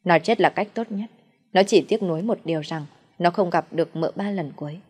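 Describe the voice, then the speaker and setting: A woman storyteller narrating a dark folk tale in a steady, even voice. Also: on the low side, fairly quick, husky.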